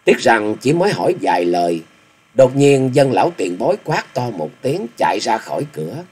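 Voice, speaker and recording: A man's voice: mid-range voice, very animated, moderate pace, darkish tone, slightly rough. A man voicing a polite but stubborn young male swordsman who gives formal, proud replies. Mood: earnest.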